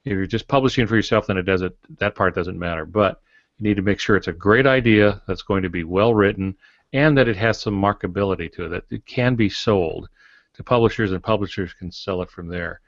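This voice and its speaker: A brisk, gravelly older man with a low, folksy voice co-hosts a laid-back advice podcast, mentoring on writing through homespun metaphors. The recording sounds dry, dull, and lo-fi.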